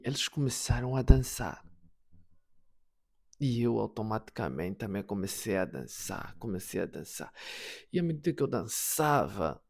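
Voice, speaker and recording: A man preaching a personal testimony sermon, swinging between hushed and loud, repeating words for emphasis. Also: on the low side. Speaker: prophet preacher.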